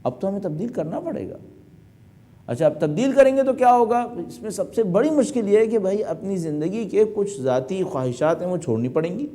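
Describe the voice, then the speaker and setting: A man's voice: high-pitched, warm tone. A middle-aged male cleric preaching an emphatic sermon, full of rhetorical questions. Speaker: cleric delivering a majlis.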